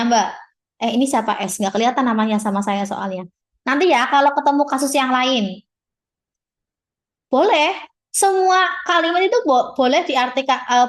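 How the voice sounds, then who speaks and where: A woman tutor teaching a live online class, patiently explaining and answering students by name over a video call. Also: high voice.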